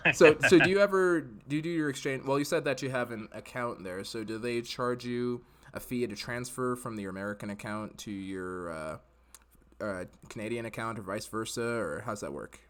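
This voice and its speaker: A podcast host with a mid-range, slightly bright voice interviews a guest, chatting and joking throughout and breaking into quick laughs.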